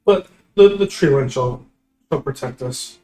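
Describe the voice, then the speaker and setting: A man with a medium-pitched voice plays a tabletop fantasy game. He chats casually in character and out, picked up with a roomy echo. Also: animated, unhurried, warm tone. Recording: roomy, echoing room recording.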